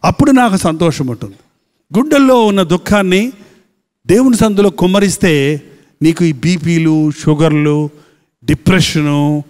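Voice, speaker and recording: A pastor delivering an emphatic sermon, asking the congregation rhetorical questions. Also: male voice, fairly high pitch, moderate pace, pauses often, darkish tone, big-room sound.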